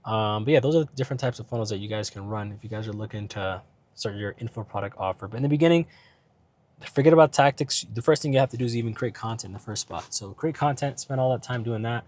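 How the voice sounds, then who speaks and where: A man with a lowish, slightly mellow voice talks fast in a dry recording, chatting casually about business from his car like a business vlogger. He rambles with lots of fillers and asides and keeps asking "right?" He's ill, and his voice is starting to go.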